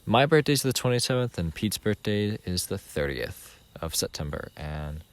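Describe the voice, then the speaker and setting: A man's voice: on the low side, big pitch swings, moderate pace. A young man co-hosting a podcast, rambling through a casual story with plenty of fillers. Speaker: podcast co-host. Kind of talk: casual chat. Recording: noisy home recording.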